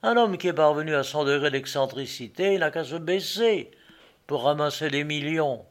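A shrewd, worldly gentleman from a storybook, as a male narrator puts him on. He talks in a measured, knowing way, his voice slightly high. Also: lightly acted. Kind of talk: audiobook character voice.

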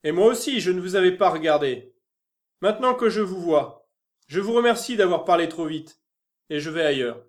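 A man voicing a kind former soldier in an audiobook, gentle with a child and firm with others. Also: fairly high pitch, moderate pace, close to an everyday voice. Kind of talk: audiobook character reading.

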